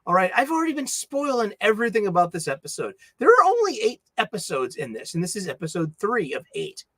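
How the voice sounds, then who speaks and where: Talking fast in a high voice with huge pitch swings, a middle-aged Boston man hosts a casual livestream. He rambles and mumbles with lots of fillers and restarts, his tone pushed and bright, with no room sound.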